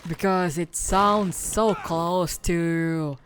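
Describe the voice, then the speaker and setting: A man from the Philippines rambles slowly through a game stream, joking and swearing as he plays. His voice is close on a desk mic with faint background noise. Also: fairly high pitch, steady tone, a bit bright. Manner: rambling, joking, swears and laughs while playing. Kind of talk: casual gameplay commentary.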